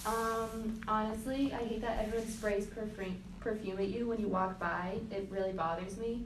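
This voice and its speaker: A 21-year-old woman with a medium-pitched voice answers focus group questions at a normal pace, sounding casual and upbeat. She is far from the mic in an echoey room, with steady noise in the background.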